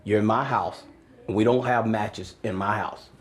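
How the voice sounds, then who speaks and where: A man's voice: on the low side, fairly even intonation, moderate pace. A middle-aged American man in unscripted reality TV talk, speaking firmly and insistently as a host parent. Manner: firm, insistent.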